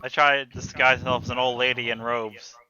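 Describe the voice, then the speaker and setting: A man chats casually as a tabletop game player. His voice is mid-pitched and very bright and sharp, though the recording is a little lo-fi. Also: level tone, fairly quick. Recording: slightly dull, lo-fi voice audio.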